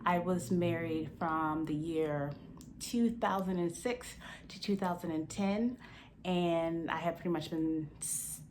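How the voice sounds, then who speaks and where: A woman of about forty speaks in a low register, in the candid, conversational way of a lifestyle vlogger. Retainers in her mouth make her words a little slurred. There is light background noise in the recording. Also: a little mellow. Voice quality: slightly slurred speech from wearing retainers. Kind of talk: casual personal talk to camera.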